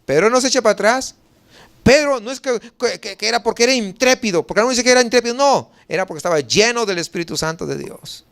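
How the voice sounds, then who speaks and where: A man's voice: high-pitched, expressive, fast, a bit bright, smooth. A male pastor with a Mexican Spanish accent preaching a sermon, asking rhetorical questions and answering them himself.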